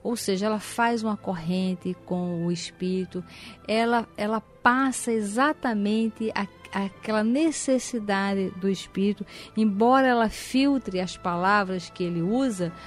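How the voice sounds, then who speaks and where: A woman's voice: mid-range voice, measured pace, soft background music. A woman co-hosting a spiritual talk program who tells stories animatedly and acts out the dialogue. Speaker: co-host. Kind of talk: casual chat on a spiritist program.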